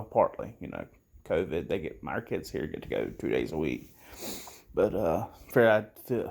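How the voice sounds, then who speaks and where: Low-voiced man in his thirties, casual home vlog host, loose and rambling delivery. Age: 30s. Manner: rambling, relaxed, lots of fillers and restarts. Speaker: gun channel host. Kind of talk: casual story-time vlog. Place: home, early morning.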